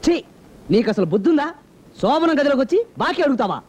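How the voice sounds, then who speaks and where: An actor playing a flustered, wisecracking young bridegroom in a film comedy, with quick, exclamatory delivery. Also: male voice, very high voice, lively intonation, darkish tone.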